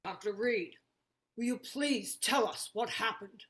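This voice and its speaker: A woman playing a composed, politely insistent nurse in old-time radio drama style, measured and deliberate. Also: on the high side, expressive, fairly bright tone. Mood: probing. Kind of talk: 1940s radio drama acting.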